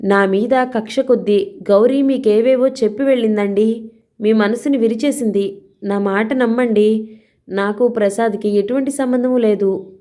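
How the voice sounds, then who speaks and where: A frightened young wife pleads and protests in a high, tearful voice, as a woman reading the story acts her out. The tone stays mellow and soft-edged in this storybook reading. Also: steady tone, normal speed, close to an everyday voice. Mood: pleading.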